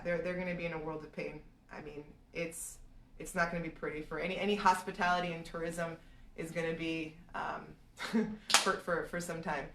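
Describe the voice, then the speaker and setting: A woman's voice: lowish voice, a bit bright, far from the mic. A woman from Serbia answering viewers' market questions in a live stream, thinking aloud with frequent restarts. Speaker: real estate analyst answering viewer questions. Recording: echoey room, voice a bit off-mic.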